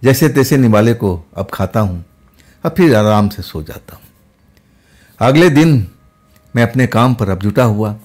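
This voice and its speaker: A man telling a first-person horror story in a steady, conversational way. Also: mid-range voice, unhurried, pauses often.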